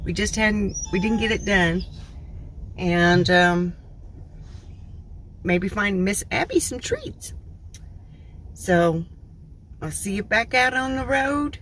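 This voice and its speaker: A woman talking casually and plainly to viewers as an RV travel vlogger, in an unhurried, chatty way. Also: medium pitch, fairly bright tone. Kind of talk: casual travel vlog narration. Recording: distant mic, clear vehicle and wind noise.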